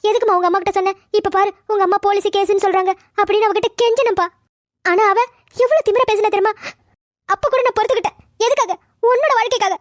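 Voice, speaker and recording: A woman voicing a quarrelsome, defensive middle-aged mother in a cartoon family drama, talking fast and pleading. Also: dry recording. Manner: rapid, shrill, pleading and quarrelsome.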